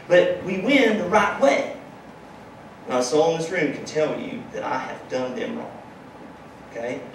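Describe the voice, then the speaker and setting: A man's voice: on the high side, fairly bright tone, a little hiss or hum. Emphatic man in an echoey hall. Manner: emphatic, punctuates with "okay?". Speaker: startup founder giving a talk. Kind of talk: conference keynote storytelling. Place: large conference room with audience. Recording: very echoey hall, distant mic.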